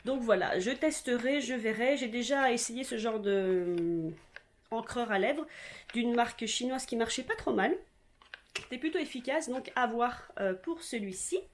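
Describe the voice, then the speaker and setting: A woman's voice: a little high, normal speed, a little hiss or hum. Chatty French woman rambling through a haul. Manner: chatty, rambling with many hesitations. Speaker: vlogger. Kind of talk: casual haul video.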